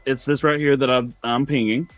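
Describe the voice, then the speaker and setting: A man's voice: mid-range voice, fairly even intonation, normal speed, no echo, highs cut off. A man running a tabletop role-playing game as game master, narrating in a casual, conversational way. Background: music.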